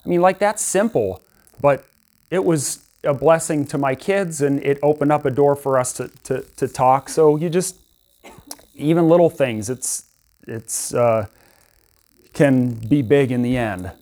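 A young man preaching in a loose, conversational way, telling stories from his week and often restarting his sentences. His voice sits at a middle pitch for a man. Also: a little slow, darkish tone. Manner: conversational, storytelling, many restarts. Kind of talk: informal sermon.

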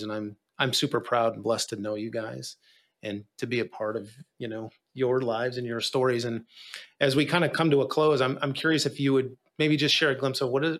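A man's voice: medium pitch, a bit bright. A man hosting a podcast, affirming his guests and encouraging listeners in a preacher-like way. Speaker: podcast host. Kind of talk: casual podcast conversation.

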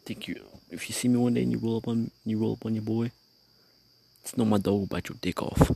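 A man's voice: fairly low pitch, steady tone, a little fast, gravelly, mellow, breathy edge. A man hosting his own show, telling a rambling, profane story in casual slang while sitting outdoors at night. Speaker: podcast host.

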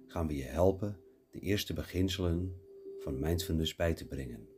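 A man guiding a mindfulness meditation, giving calm, unhurried breathing instructions with long pauses. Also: low voice, faint music behind. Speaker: meditation guide.

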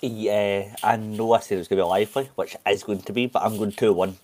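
Low-voiced man making bold claims. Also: steady tone, a little fast, a little mellow. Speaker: podcast panelist. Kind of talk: casual football chat.

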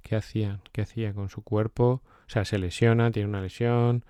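A man hosting a casual chat about a book, telling anecdotes with lively quoted asides. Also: lowish voice, normal speed, clear, resonant tone, dry recording, clean studio sound. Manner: animated, storytelling with quoted asides.

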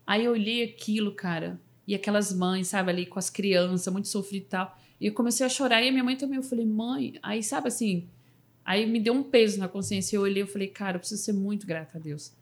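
Her mid-range voice is brisk as this woman, a motivational speaker, relates a personal story on a casual podcast. She tells it with feeling, restarting emotionally and using fillers like "sabe assim."

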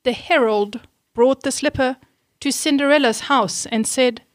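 A woman reading a rhyming children's storybook aloud, slowly and clearly, then asking the listener questions. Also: sits high, dry recording, studio quality.

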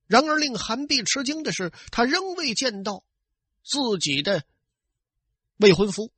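Lively, husky male storyteller. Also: very high-pitched, a little slow, no room sound. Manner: lively, conversational, addressing listeners. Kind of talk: traditional oral storytelling.

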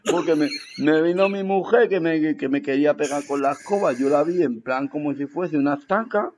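A man playing a boastful, rambling old male vampire in an improvised comedy sketch, giggling and slipping into squeaky shouts. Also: moderate pace, a little hiss or hum, lightly acted. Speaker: comic guest in character.

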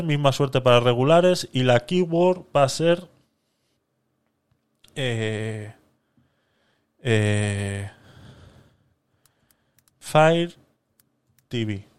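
A man's voice: mid-range voice, clean tone. A man hosting a live-stream podcast, chatting casually with viewers while he talks himself through a giveaway. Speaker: livestream podcast host.

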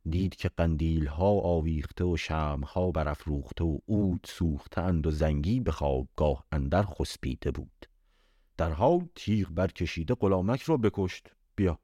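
Man reading an old story, deep low voice, dry close sound. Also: lively intonation, mellow, no echo. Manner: measured old-style narration with casual asides. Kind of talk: reading a classic tale aloud. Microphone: home voice-message recording.

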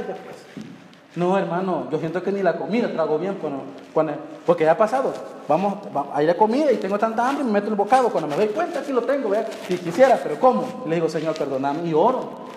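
Brief: male pastor, emphatic drawn-out sermon, long hall reverb, faint room noise. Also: sits high, a little mellow. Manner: emphatic, drawn-out preaching with colloquial asides.

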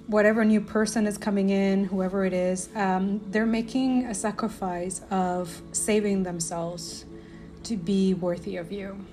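A woman hosting a spiritual podcast, talking earnestly and rambling with many fillers and restarts, often tagging her points with "right?". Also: mid-range voice. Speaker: podcast host.

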